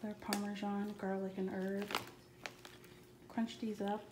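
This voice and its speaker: A woman vlogger goes over her grocery haul slowly in her home kitchen, keeping a calm, matter-of-fact tone with almost no pitch movement. The space is echoey, and background noise comes through plainly.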